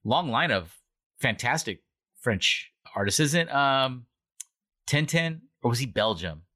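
A man co-hosting a casual book club podcast, talking in a rambling, animated way and often correcting himself. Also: mid-range voice, slow pace. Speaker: podcast co-host.

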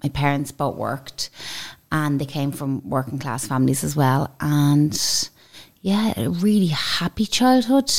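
A Dublin Irish woman with a notably low voice, talking as a guest in a relaxed interview. She rambles easily from one memory to the next in a chatty way. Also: a little slow. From Dublin, Ireland. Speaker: podcast guest, salon owner. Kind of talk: casual interview chat.

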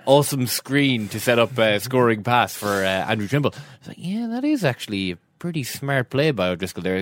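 A man with a West of Ireland accent chatting casually and haltingly as a sports podcast co-host. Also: mid-range voice, fairly bright tone, dry recording. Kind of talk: casual banter.

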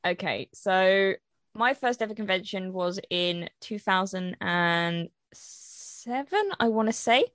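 A woman's voice: medium pitch, animated, slow, fairly bright tone, no echo, clean studio sound. A young woman chatting candidly on a podcast as a cosplayer guest, laughing easily. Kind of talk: casual podcast chat.

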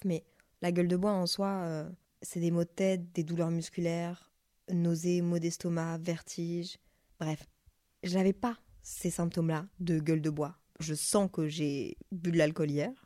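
A woman's voice: lowish voice, mellow, no room sound, studio quality. A woman in her twenties with a French accent, hosting a casual podcast monologue and talking candidly, swearing freely. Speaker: podcast host.

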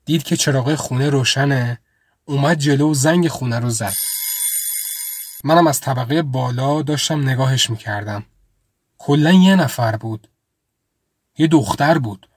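A man narrating a first-person audio story in a calm, reflective way. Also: medium pitch, long pauses, husky, no room sound.

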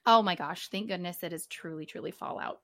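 A woman's voice: lowish voice, brisk, fairly bright tone. A woman co-hosting a podcast, chatting in a playful, sing-songy way. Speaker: podcast co-host. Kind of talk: casual podcast chat.

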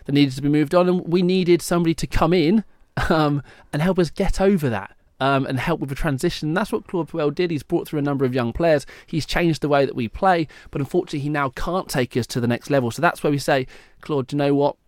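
A man's voice: fairly high pitch, fast, hardly any pauses, darkish tone, dry recording, studio quality. A man with a Leicester accent hosting a casual football discussion in a discursive, explanatory way. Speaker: football podcast host.

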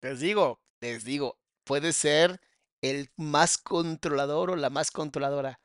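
A man's voice: fairly high pitch, a bit bright, smooth, dry recording, clean studio sound. Sarcastic man hosting a reaction podcast. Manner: sarcastic, drawn-out emphasis. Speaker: host reacting to a guest's story.

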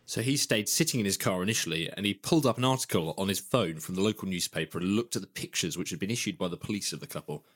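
Guy hosting a news podcast, really deep voice, talks fast, brisk explainer style. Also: fairly bright tone. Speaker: podcast co-host and reporter. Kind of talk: scripted news narration.

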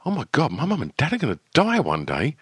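A man hosting a conversational interview, telling a personal story in an animated way and laughing as he talks. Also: fairly high pitch, brisk, husky, dry recording. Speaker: podcast host.

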